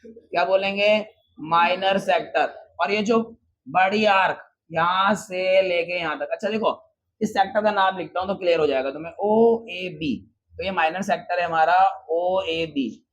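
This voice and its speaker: A man with a high voice teaches a maths lesson to a room of students. He is lively and casual, calls them brother, and keeps asking the class questions before answering them himself. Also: normal speed, muffled recording.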